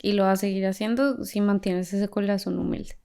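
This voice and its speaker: A woman hosting a faith podcast, telling a personal story in an animated way and laughing as she talks. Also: medium pitch, fairly quick, clear, resonant tone. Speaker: podcast host. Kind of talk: faith testimony conversation.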